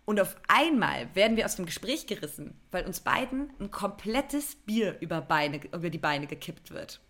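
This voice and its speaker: A woman's voice: mid-range voice, moderate pace. A woman with a German accent, co-hosting a podcast, telling a story in casual chat and acting out what people said. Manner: animated anecdote telling with quoted voices. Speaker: podcast co-host.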